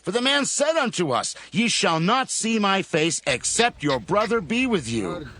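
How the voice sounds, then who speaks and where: Casting: earnest son addressing his father, scripture drama; forceful, highish, solemn and declamatory. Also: sing-song, measured pace, exaggerated voice. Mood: firm, insistent. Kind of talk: dramatized Bible audio acting.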